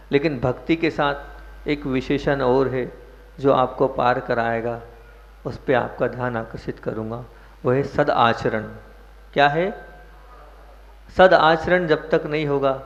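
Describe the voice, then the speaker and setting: Male monk, sermon, questions the listeners and leans hard on key words, dull echoey hall recording. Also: medium pitch. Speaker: Jain monk preacher.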